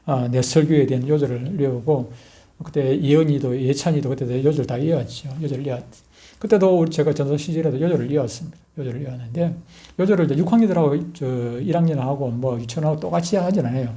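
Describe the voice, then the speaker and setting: A man's voice: fairly high pitch, quick pace. A middle-aged man, a pastor preaching a sermon and telling stories animatedly. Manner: animated storytelling, acting out scenes with loud outbursts. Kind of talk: sermon with personal storytelling.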